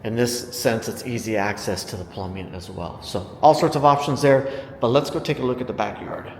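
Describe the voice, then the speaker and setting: American man, enthusiastic realtor, mid-pitched voice, casual house-tour narration with salesy emphasis on features. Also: moderate pace, a little mellow, a little hiss or hum. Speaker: real estate agent giving a home tour. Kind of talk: casual walk-through tour narration to viewers. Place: inside a house, walking room to room.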